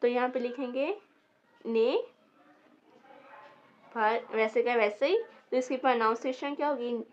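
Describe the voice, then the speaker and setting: A woman's voice: on the high side, a little slow, pauses often, dull audio, slight background noise. A woman teaching a beginner vocabulary lesson, repeating each word and spelling it out syllable by syllable. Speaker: language teacher.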